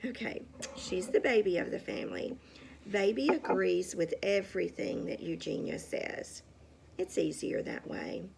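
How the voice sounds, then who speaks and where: Woman reading a picture book aloud to a kid, lively voice, chatty asides. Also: fairly low pitch, measured pace, vocal fry, noisy background. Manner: chatty asides, asks the child questions. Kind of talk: casual storytime read-aloud.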